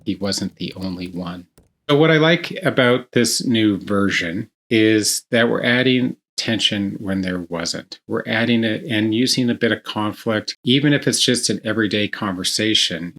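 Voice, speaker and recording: A man's voice: lowish voice, moderate pace, few pauses, a bit bright. A man giving a writing tutorial, reading example scenes aloud and explaining how to improve them. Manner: reads example passages aloud, then explains. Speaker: writing instructor.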